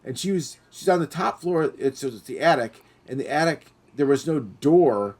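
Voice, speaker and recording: This middle-aged podcast host has a slightly high voice and keeps a moderate pace. Chatting casually, he tells animated stories and imitates the voices of the people in them.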